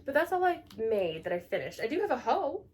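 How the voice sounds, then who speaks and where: A young woman co-hosting a casual knitting podcast, chatty and gushing, with sudden excited gasps. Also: a little high, a little fast, husky. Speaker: podcast co-host.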